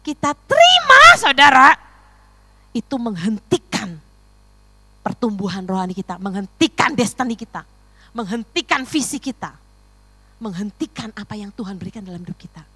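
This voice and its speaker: A middle-aged woman pastor preaching a sermon, swinging from loud exclamations to hushed near-whispers. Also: mid-range voice, normal speed, breathy edge, no echo.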